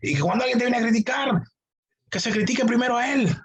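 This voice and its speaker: A man mimicking a boastful hype preacher who shouts empty slogans to a crowd, raising his voice well above his own. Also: extremely high pitch, quick pace, highs cut off, a little hiss or hum, voice pushed up. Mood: mocking.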